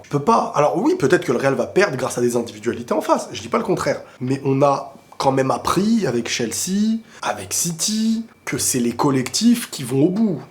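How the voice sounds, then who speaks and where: A football video creator with a cold and a sore throat answers viewer questions to camera. His medium-pitched talk is casual, excitable and opinionated, often rambling off into quick asides.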